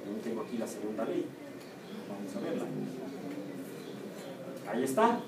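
A man with a Mexican Spanish accent and a fairly low-pitched voice, speaking at normal speed with big pitch swings, is a university professor lecturing in class. He poses questions to the students and answers them himself. The audio comes from a distant room or camera mic in a noisy, echoey classroom.

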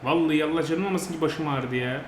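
A man's voice: a little high, quick pace. Man grumbling over a football video game. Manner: grumbling and frustrated, yelling at players. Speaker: gaming channel host. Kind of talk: live commentary over gameplay. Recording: roomy sound with faint noise.

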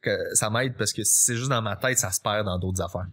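A young man with a Quebec French accent, a podcast guest telling personal stories in a casual, animated way and acting out his past self in quick quotes. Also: lowish voice. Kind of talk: casual confessional storytelling.

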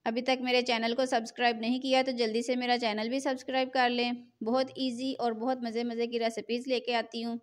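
A woman's voice: a little high, flat delivery, a little fast, few pauses, smooth. A middle-aged woman, hosting a home cooking tutorial in a chatty, repetitive voice-over. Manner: chatty, repeats filler phrase "jo hai na". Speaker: cooking channel host.

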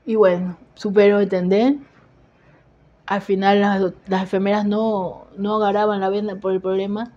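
A woman's voice: medium pitch, moderate pace, muffled recording. A woman with an Ecuadorian accent in a TV interview, telling a personal account and acting out what each person said. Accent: Ecuadorian Spanish. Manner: animated storytelling, acts out quoted dialogue. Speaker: interviewee recounting illness.

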